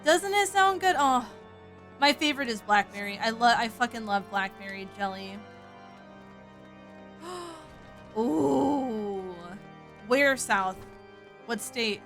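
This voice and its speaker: Here a fairly high-pitched woman from the American South talks slowly, pausing often, with faint music in the background. Her light Southern accent carries casual, animated gaming-stream chat full of swearing.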